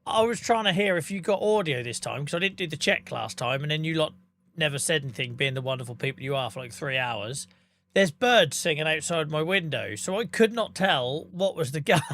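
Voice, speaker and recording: A man in his thirties talks into his desk mic during a live game stream. His voice sits a touch higher than most men's. He is chatty and jokey, with casual swearing and frequent laughs. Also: sharp tone, a little hiss or hum. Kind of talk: casual live-stream chat while gaming.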